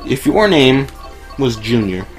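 A man's voice: mid-range voice, very animated, slow. A young man streaming a racing game, chatting casually and rambling through jokes with a friend. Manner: joking, rambling banter. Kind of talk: casual gameplay chat. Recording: game music behind.

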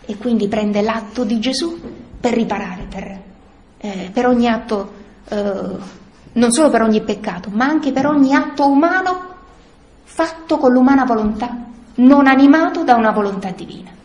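A woman giving a spiritual teaching talk to a prayer group, earnest and explanatory, often pausing on fillers and restarting phrases. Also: a little high, darkish tone, echoey room, highs cut off. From Italy. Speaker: speaker leading a prayer group.

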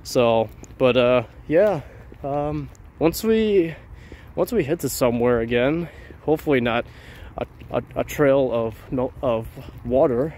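Guy vlogging outside on a handheld cam, informal, kinda rambles and repeats himself, normal mid pitch. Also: measured pace, darkish tone. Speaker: YouTuber, vlog host. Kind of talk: casual handheld vlog narration to viewers. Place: outdoors at night on trails and roads. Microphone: handheld camera.

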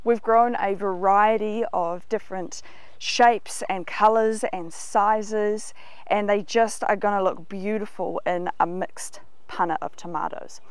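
A woman's voice: mid-range voice, fairly even intonation, unhurried, clear, resonant tone, no room sound. A woman in her thirties with a New Zealand accent, giving an enthusiastic guided tour of her market garden outdoors. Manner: enthusiastic, explanatory, walking and pointing at crops. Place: outdoors in a large vegetable garden.

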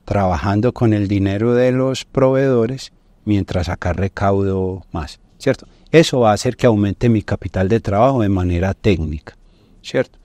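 This middle-aged man has a Colombian accent and a low-ish, mellow voice at a moderate pace. As a podcast guest in an indoor studio, he teaches business finance didactically, tossing in frequent tag questions, recorded dry on a lapel mic.

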